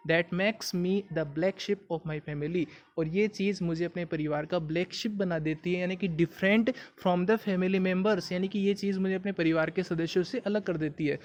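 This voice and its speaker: High-voiced man teaching idioms. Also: steady tone, measured pace, hardly any pauses, highs cut off. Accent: Hindi. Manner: patient, repetitive explanations, asks the viewer questions. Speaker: English teacher. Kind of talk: explaining idioms in a video lesson.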